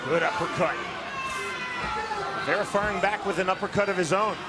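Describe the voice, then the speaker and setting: A man's voice: sits high, normal speed. A man doing live play-by-play of an MMA fight in clipped, announcer-like phrases. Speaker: play-by-play commentator. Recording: loud arena crowd. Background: roaring fight crowd.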